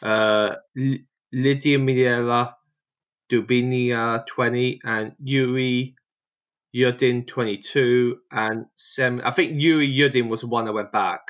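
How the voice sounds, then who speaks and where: A man's voice: medium pitch, fairly even intonation, slow pace, fairly bright tone, muffled recording. A man co-hosting a podcast in casual chat, rambling and hesitant with many fillers. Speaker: podcast co-host. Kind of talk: casual conversation.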